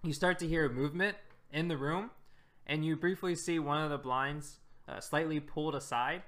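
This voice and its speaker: Guy running a tabletop rpg, bright voice, laid back, lots of "like" and "uh". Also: on the high side, moderate pace. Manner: descriptive, relaxed narration with fillers. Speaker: game master. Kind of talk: narrating a tabletop game.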